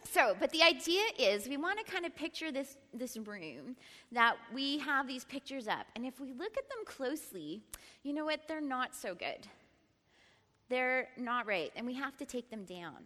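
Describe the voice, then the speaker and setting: Middle-aged woman Bible teacher, lively and chatty, slightly high, bright voice; ringing reverb of a large hall. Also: moderate pace. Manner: lively, laughs often, prompts the group to repeat. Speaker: teacher at a church Bible study. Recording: long reverb in a large room.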